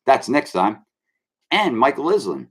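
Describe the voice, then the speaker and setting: A man's voice: medium pitch, big pitch swings, unhurried, fairly bright tone, breathy edge. A man hosting his own online show, ranting loosely and calling his viewers kids. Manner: brash, swaggering, addresses viewers as kids. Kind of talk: rambling live-stream rant.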